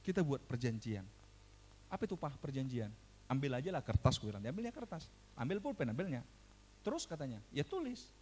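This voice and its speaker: A man preaching a sermon as pastor, telling stories in a conversational way with rhetorical questions, dropping to a hush and then rising loud. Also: mid-range voice, fairly quick, slight background noise. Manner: animated storytelling, swinging from hushed to loud.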